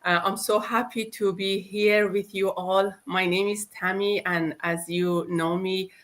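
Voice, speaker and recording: A middle-aged woman hosting a live online talk show over a video call, speaking slowly with many ums and uhs. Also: fairly low pitch, a bit bright. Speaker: host.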